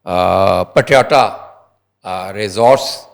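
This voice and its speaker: A man's voice: deep voice, gravelly. A man, a senior journalist, telling a story as a guest on a talk show. He talks to the viewers directly and acts out what people said. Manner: animated storyteller, acts out quotes; restarts and fillers, addresses viewers directly. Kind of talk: conversational talk show commentary.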